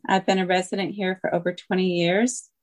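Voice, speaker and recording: A woman's voice: fairly low pitch, level tone, a little fast. Earnest woman caller reading a comment. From Washington State. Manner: earnest, reads from notes, some ums. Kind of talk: prepared public comment. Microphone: phone call-in.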